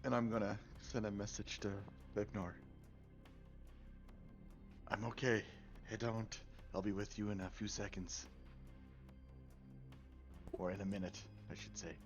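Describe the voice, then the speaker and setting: A man's voice: lowish voice, flat delivery, unhurried, pauses often. A young man playing a tabletop game, laid-back and often correcting himself. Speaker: player. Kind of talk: casual tabletop game play. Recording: dull lo-fi recording, faint music.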